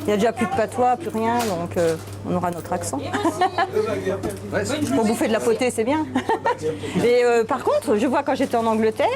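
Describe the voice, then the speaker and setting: A woman's voice: a little high, animated, normal speed, pauses often, a loud crowd. A woman baker with a Lorraine accent, chatting casually and laughing often in her shop.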